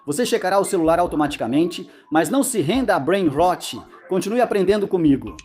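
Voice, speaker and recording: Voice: medium pitch, animated, a little fast, darkish tone, breathy edge. A narrator reading a scripted educational explainer, with playful asides.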